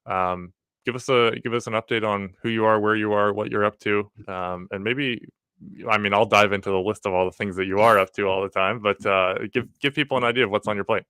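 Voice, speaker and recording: A man's voice: fairly low pitch, fairly even intonation, a little fast, sharp tone, clear, resonant tone, no echo, studio quality. A man hosting a casual conversational interview in an informal, friendly way. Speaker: podcast host.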